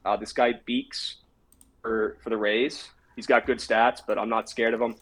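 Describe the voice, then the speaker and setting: Male co-host, mid-pitched, brash and casual, sports betting talk. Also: level tone, moderate pace, low-quality recording. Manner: brash, confident picks talk.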